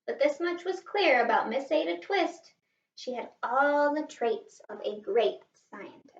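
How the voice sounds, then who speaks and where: A woman reading a children's picture book aloud in an expressive, animated way, like a teacher stressing the rhymes. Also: high voice, unhurried. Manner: animated, asks listeners questions, stresses rhymes. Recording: roomy, slightly distant, dull sound.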